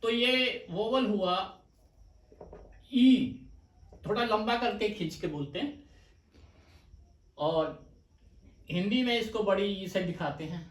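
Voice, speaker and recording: A man teaching a stenography lesson, explaining patiently and slowly with repeated examples. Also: high-pitched, recorded from a distance. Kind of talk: slow explanatory lecture. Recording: echoey room, voice off-mic.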